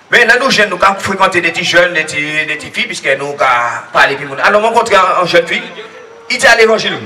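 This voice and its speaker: A man giving a rambling, lively faith testimony at a church gathering, laughing often as he tells his story. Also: high voice. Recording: distant mic with crowd noise.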